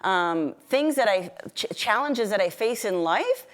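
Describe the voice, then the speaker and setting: A middle-aged woman giving a motivational keynote, telling stories in a chatty, animated way, restarting sentences often and laughing a lot. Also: medium pitch, a little slow. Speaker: keynote speaker. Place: event stage before an audience.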